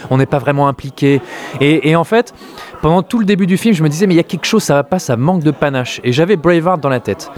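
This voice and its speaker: A man's voice: a little high, animated, fast talker, darkish tone. A man from France talking casually about a film, hesitant, with many fillers and restarts. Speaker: film critic.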